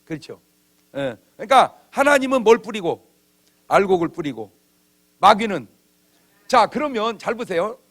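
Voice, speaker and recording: Casting: male pastor, revival sermon, high voice, big swings in pitch, comic delivery. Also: very animated, normal speed, long pauses, fairly bright tone. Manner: humorous, conversational preaching with acted-out quotes. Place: church. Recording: old church video.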